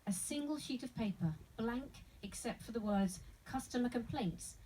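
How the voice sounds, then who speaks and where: A woman's voice: on the high side, animated, moderate pace, warm tone, far from the mic, a little hiss or hum, low-quality recording. A woman reading scripted stage directions as the narrator of a screenplay table read.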